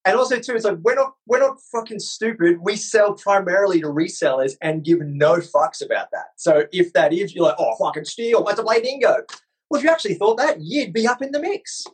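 A man's voice: high-pitched, expressive, fairly quick, hardly any pauses, breathy edge, rough recording. A man co-hosting a live stream, ranting profanely and mimicking people in silly voices. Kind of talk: profane casual rant.

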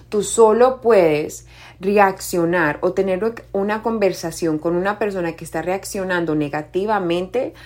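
Chatty young woman life coach. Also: mid-range voice. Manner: conversational, often asks "¿verdad?"; acts out quoted shouting in a raised voice. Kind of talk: casual motivational talk.

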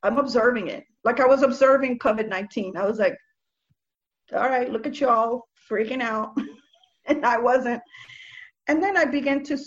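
A woman's voice: a little high, dull audio. A woman from Nicaragua speaking as an interview guest, earnest and reflective, often restarting her sentences as she talks about faith. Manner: earnest, halting, with many restarts and soft laughs. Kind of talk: reflective spiritual conversation.

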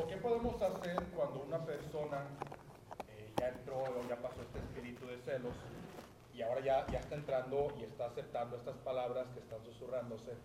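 A man's voice: medium pitch, dark tone. A man asking the pastor a question, hesitant and searching for words. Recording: distant roomy mic with faint noise.

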